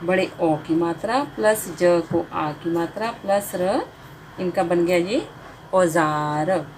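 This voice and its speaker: A woman's voice: on the low side, takes it slowly, darkish tone, slight background noise, rough recording. A woman teaching a beginner spelling lesson, sounding out letters and marks one by one and drawing out each finished word.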